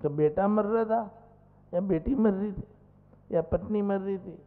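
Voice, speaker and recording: A male monk giving a sermon, telling a story in an animated way with rising exclamations. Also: high-pitched, unhurried. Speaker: Jain monk preacher. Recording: echoey hall, dull lo-fi sound.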